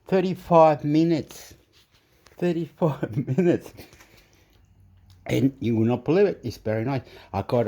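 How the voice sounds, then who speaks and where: Chilean guy rambling thru his cooking vid, mellow voice, flips between english and spanish. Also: medium pitch. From southern Chile. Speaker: cooking vlogger. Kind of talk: casual cooking vlog with pep talk. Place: home kitchen.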